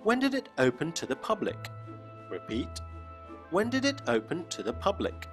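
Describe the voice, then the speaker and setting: Man, lesson host, scripted narration, very lively pitch, faint music. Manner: clear teacherly, slow for examples.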